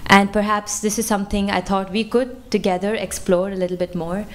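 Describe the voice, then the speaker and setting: Woman, temple lecture, conversational, fillers, interactive, mid pitch. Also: little pitch movement, brisk. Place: temple hall.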